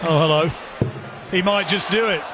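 A man doing excited live darts commentary, building suspense into shouted exclamations. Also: high-pitched, normal speed, very noisy. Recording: loud arena crowd and music behind. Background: loud crowd, music.

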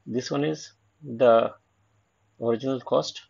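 Indian guy walking students thru homework, slow talker, kinda raspy. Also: mid-range voice, fairly even intonation, a little mellow. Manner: mixes English and Hindi, explains step by step. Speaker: online tutor. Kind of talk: assignment walkthrough lecture. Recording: dull lo-fi recording.

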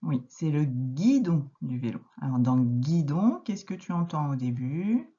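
A woman teacher with a French accent, gently guiding a young child through a phonics lesson, encouraging and repeating words slowly. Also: low voice, expressive, lo-fi sound. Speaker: primary school teacher.

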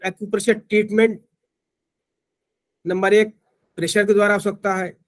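A man's voice: high voice, little pitch movement, normal speed. A man teaching acupressure in an online class, explaining informally with frequent restarts and fillers.

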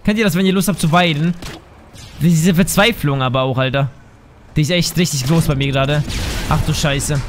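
In this casual let's-play, the commentator's voice runs high and fairly quick while he plays a shooter, cursing and reasoning aloud in frustration. Game gunfire and effects sound behind him, with slight background noise.

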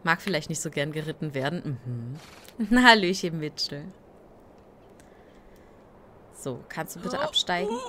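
A tired woman with a deep voice live-streams a life-sim game, chatting slowly and casually, greeting viewers by name and tossing in playful asides. Background noise can be heard.

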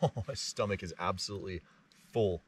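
A man in his thirties with a deep, low voice talks to his camera while camping alone by a mountain lake at night. He chats casually and gets excited easily. A faint hiss of outdoor night air sits behind him. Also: brisk, far from the mic. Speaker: fishing vlogger. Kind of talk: casual solo outdoor vlog. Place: dark forest lakeshore at night, outdoors.

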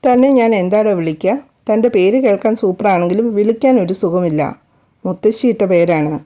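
A woman voicing a kind, joking young husband in a storybook reading, speaking softly and affectionately. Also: high voice, fairly quick, natural voice. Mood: tender. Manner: soft, affectionate.

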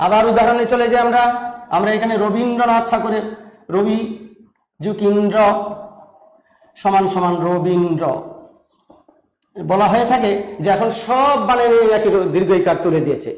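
High-voiced man teaching a grammar lesson. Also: moderate pace, pauses often, echoey room. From Bangladesh. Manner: patient explaining, asks rhetorical questions, chants rhymes.

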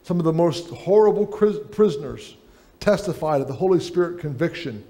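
A man's voice: a little high, lively intonation, moderate pace, dark tone. A middle-aged man preaching a sermon on a church stage, reading aloud from a book at a lectern.

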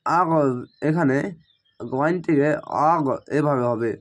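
This is a man giving a patient recitation lesson, with a voice that sits a little higher than most men's. He breaks each word into its syllables, then chants the whole word slowly and stretched out. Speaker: Quran reading teacher.

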